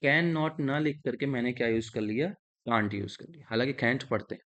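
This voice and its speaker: Using Hindi, a man with an Indian accent walks through an English grammar lesson, dictating sentences slowly and breaking down each step. His voice is medium-pitched with a fairly bright tone.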